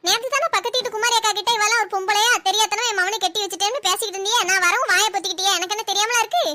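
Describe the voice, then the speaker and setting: A woman voicing a sharp-tongued, nagging older mother-in-law in a cartoon, speaking with an in a sarcastic, scolding way. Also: very high-pitched, fairly even intonation, racing, a little hiss or hum. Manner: sarcastic, scolding, fake-wailing.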